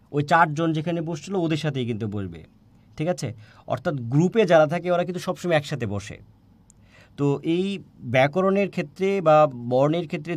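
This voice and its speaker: A man teaching a grammar lesson for exam preparation, repeating points and often checking with "right?". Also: fairly high pitch. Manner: repetitive, asks students "right?" often.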